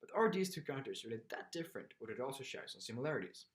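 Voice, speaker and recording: A seventeen-year-old boy from Sweden with a Swedish accent, reading a school presentation aloud in a halting way, stumbling and repeating words. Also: mid-range voice, sing-song. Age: teens. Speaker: student presenter.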